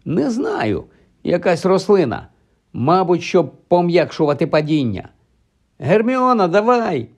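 A man's voice: high voice, sing-song, measured pace, pitched above the performer's own voice, heavily acted. A man voicing a brave young schoolboy in an audiobook, talking urgently and directly.

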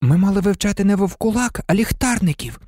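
Reader doing know-it-all schoolgirl, high eager voice, urgent, storybook reading, dry sound. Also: lively intonation, a little fast, a little mellow, no echo, close to an everyday voice.

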